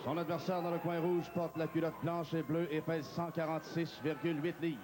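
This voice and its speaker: Booming bilingual boxing ring announcer man. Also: flat delivery, background noise. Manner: booming, drawn-out announcer delivery. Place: indoor boxing arena.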